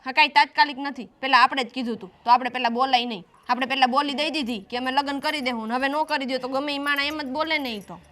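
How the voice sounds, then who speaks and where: A woman's voice: sits high, fairly even intonation, fast, hardly any pauses, sharp tone. A woman playing a defiant younger daughter who argues with her family. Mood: arguing. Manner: defiant, argumentative. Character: stubborn younger daughter insisting on marrying first. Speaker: younger sister. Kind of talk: family drama acting.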